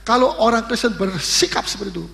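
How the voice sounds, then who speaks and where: Gravelly high-voiced preacher in a hall. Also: male voice, quick pace. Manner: lively, teasing, questions the congregation. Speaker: pastor. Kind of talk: sermon. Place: church hall. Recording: echoey hall recording.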